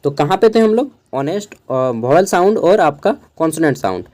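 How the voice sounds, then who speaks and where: Young male tutor from Jharkhand, Khortha first language, somewhat high, mellow voice, patient casual lecture spelling words out. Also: very animated. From Jharkhand, India. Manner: explains slowly, spells words out letter by letter; keeps checking in with listeners. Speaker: teacher. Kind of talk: casual exam-prep lecture.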